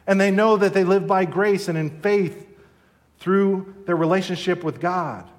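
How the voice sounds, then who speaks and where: A man's voice: high voice, unhurried. A middle-aged man preaching a sermon as a pastor, earnest and conversational with his congregation.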